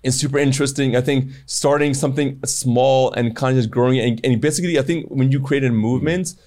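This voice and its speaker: A man's voice: mid-range voice, fast, a little mellow. A man talking as a guest on a podcast, rambling with many fillers and restarts. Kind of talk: casual interview talk.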